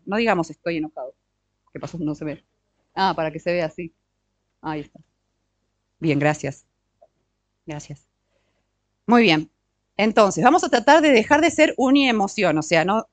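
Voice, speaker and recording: A middle-aged woman teaching a workshop on marriage and emotions, often checking in with her listeners with short questions and slowing down on key words. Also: fairly low pitch, no echo. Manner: slows down to stress key words. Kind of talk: teaching talk with audience interaction.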